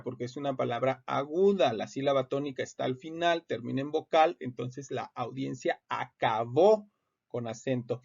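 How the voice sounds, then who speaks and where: A man's voice: medium pitch, gravelly. A man gives an explanatory lecture on legal writing, patient and repetitive, with frequent hesitations. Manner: patient, repeats points with many hesitations. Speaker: teacher. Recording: muffled lo-fi audio.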